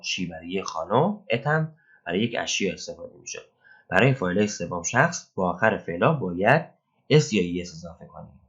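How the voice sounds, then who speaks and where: A man gives a recorded English grammar lesson, walking through each rule step by step and quizzing the listener. His voice is low and husky, and it comes through a dull, lo-fi recording. He reads the English example sentences slowly and carefully. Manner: explains step by step, asks the learner questions and praises answers.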